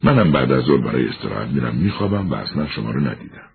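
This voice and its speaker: A man voicing a level-headed male investigator who speaks in a measured, even way. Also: a bass voice, vocal fry, husky, full character voice. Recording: tinny narrow-band recording.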